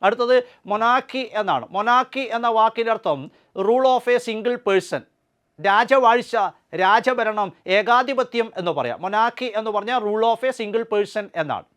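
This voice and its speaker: A man, an exam coaching tutor, walking through English test answers. He reads the English examples slowly and carefully, then explains them briskly. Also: sits high, expressive, a bit bright, clear, resonant tone. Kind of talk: exam answer walkthrough lecture.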